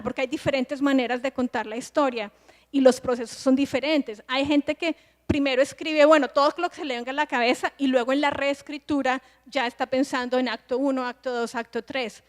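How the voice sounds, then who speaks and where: On a festival panel, a high-pitched woman in her forties who directs films and teaches screenwriting explains her points step by step, briskly and with fairly even intonation. She often restarts mid-phrase as she thinks aloud, and the large hall gives her voice a long reverb.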